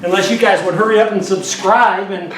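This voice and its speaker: Joking drywall pro in an echoey garage. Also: male voice, high-pitched, fairly even intonation, brisk. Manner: joking, rambling storyteller. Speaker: drywall finisher and show host. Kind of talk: casual how-to demonstration. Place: garage under repair. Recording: echoey garage, distant mic, noisy.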